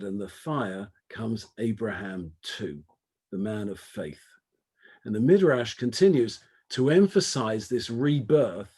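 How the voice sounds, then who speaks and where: A man giving an academic lecture, speaking in a measured, emphatic way and building points through rhetorical lists. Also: fairly low pitch, a little mellow, slightly rough.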